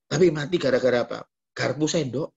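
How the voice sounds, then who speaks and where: A man with a Javanese accent preaching a lively sermon as pastor, jumping into mock voices and quoted asides. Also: medium pitch, quick pace, gravelly, husky, muffled recording.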